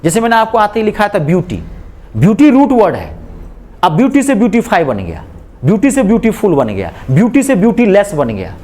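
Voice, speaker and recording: A man's voice: sits high, huge pitch swings, a little fast, darkish tone. A man teaching a classroom English grammar lecture, drilling students with repeated questions and slipping English phrases into his explanations. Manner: mixes spoken English phrases into Hindi explanations.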